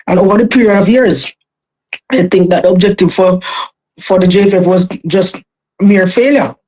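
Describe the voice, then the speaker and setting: Husky-voiced Jamaican woman arguing her case. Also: medium pitch, normal speed, dark tone, poor audio. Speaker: call-in guest. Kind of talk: argumentative casual talk.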